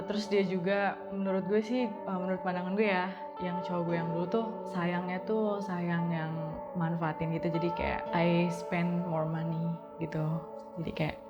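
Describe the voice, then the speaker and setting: A woman in her late teens tells a personal story in a casual, hesitant way, often pausing to find her words. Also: lowish voice. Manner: hesitant, thinking aloud with many fillers. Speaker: interviewee.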